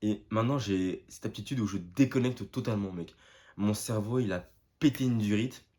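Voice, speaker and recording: A young man telling a story to his viewers in a casual vlog, excited and full of slang, often calling out to "the guys". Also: on the low side, moderate pace. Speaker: vlogger.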